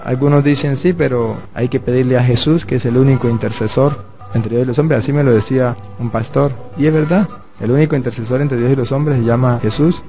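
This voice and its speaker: Priest with gravelly voice. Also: male voice, mid-range voice, fairly even intonation, a little fast, dark tone. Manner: earnest, explaining through stories and questions. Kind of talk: preaching Bible teaching. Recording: music playing underneath.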